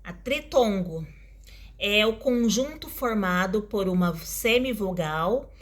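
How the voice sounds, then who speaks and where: Female teacher, mid pitch; talks through lesson casually and draws out example words. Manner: stretches out example words slowly, tag questions.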